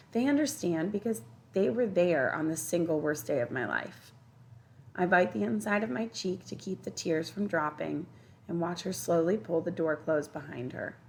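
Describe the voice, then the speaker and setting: A woman teacher reading a children's novel aloud in a steady, expressive first-person storytelling voice. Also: on the low side, gravelly, slight background noise. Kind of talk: children's audiobook narration.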